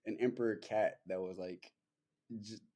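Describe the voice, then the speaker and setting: A man's voice: lowish voice, fairly even intonation, normal speed, dark tone. A young man hosting a podcast, chatting loosely and rambling with lots of fillers and swearing. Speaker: podcast host. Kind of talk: casual chat.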